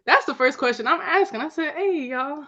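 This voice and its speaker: A woman guest on a podcast telling a story in a lively way, often laughing. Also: sits high, moderate pace. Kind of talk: casual storytelling. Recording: dull, lo-fi sound.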